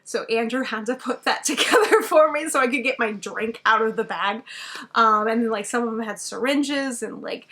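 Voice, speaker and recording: Young woman rambling through a travel vlog, kinda high voice, tons of "like", super excitable. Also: moderate pace. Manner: chatty and excitable, full of "like" fillers. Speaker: travel vlogger. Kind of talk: casual travel vlog recap. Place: hotel room.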